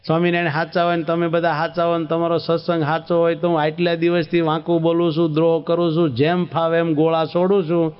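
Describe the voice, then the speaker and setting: A man's voice: fairly high pitch, completely flat delivery, quick pace, clean tone, in a large hall, close to an everyday voice. A man voicing a proud, scornful male scholar in a devotional story, defiant and boastful. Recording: dull lo-fi recording.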